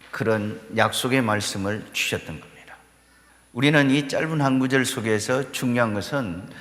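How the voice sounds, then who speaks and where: A man preaching a sermon as pastor of his church, building to fervent peaks and dropping low between them. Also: a bit bright. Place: church sanctuary. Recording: echoey church hall reverb.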